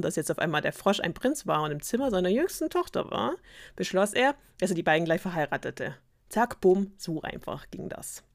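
A woman's voice: lowish voice, gravelly, a little mellow. A woman retelling a fairy tale on a podcast in a casual, ironic, chatty way with fillers. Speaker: podcast storyteller.

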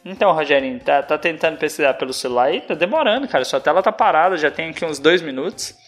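A man's voice: fairly high pitch, lively intonation, quick pace, fairly bright tone, faint music behind. A man hosting a guessing game in casual chat, teasing and mocking the player. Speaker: quiz host.

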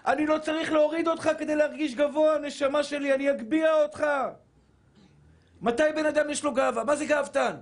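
A man preaching a Torah sermon as a rabbi, fervent and shouting, repeating phrases for emphasis and calling listeners his brothers. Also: very high-pitched, fairly even intonation. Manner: addresses listeners as brothers and dear souls.

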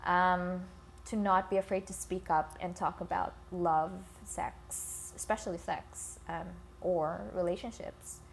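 Creaky-voiced woman podcasting over scratchy phone noise. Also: fairly low pitch, fairly even intonation, measured pace. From Philippines. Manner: informal, swearing, addresses listeners as guys. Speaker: podcast host. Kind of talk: casual solo podcast intro. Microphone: iPhone.

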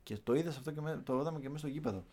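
A man chatting casually, telling an excited story of a football night and acting out the chants. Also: fairly high pitch. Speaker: podcast guest recounting a match trip. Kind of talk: casual chat.

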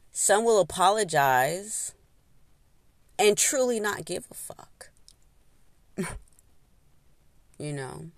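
A woman hosting a podcast, telling a story in a casual, animated way, laughing and snacking as she talks. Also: gravelly, no room sound. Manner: animated, laughs often, acts out quotes in high voices; eats while talking. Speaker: podcast host.

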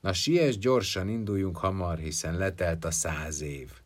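A man voicing a bony, impatient male Death in a folk tale, loud and blustering. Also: low voice. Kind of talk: storytelling.

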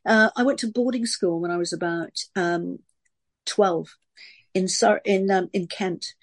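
A woman from Sunderland with a posh southern English accent, an actress telling lively stories in a casual interview. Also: mid-range voice. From Sunderland, England. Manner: lively, animated storytelling with quick voice switches. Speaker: actress and voice artist.

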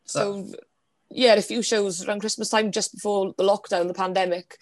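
A woman of twenty-four with a Welsh Valleys accent, chatting casually and informally as an interview guest, telling stories in an animated way. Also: medium pitch, normal speed, no room sound. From South Wales Valleys.

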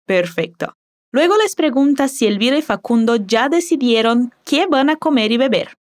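A woman whose first language is Portuguese leads a Spanish lesson with a fairly high, very lively voice that rises and falls widely. She models each word slowly and carefully, then asks the listener to repeat after her. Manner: slow, careful modeling of words. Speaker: Spanish teacher.

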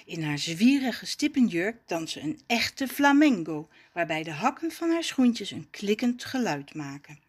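A woman narrating a children's story in an expressive storybook manner. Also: medium pitch, a little slow, slightly rough.

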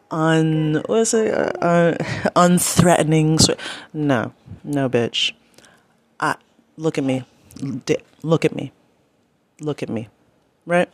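A woman rambling through a casual personal vlog, talking to herself and breaking off now and then. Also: low voice. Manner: rambling, self-talking, talks to her baby in between. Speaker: vlogger.

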